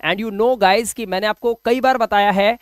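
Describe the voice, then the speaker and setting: A man's voice: high-pitched, fairly even intonation, measured pace, clear, resonant tone, no echo. A man giving an online video lesson on English pronunciation, explaining patiently in Hindi and dropping in English phrases. He keeps repeating each word and asking rhetorical questions to drill the point.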